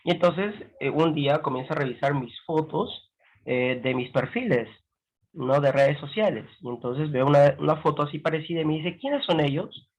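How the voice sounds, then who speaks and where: A man teaching a grammar lesson, explaining slowly and checking in with frequent rhetorical questions. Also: fairly high pitch, lo-fi sound. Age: adult with a grown son.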